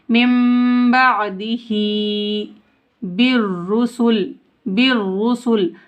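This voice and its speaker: A lo-fi recording captures a woman with a higher voice teaching Quran recitation. She recites slowly and at length, then switches to a quick pace to explain rules and respond to questions she raises herself.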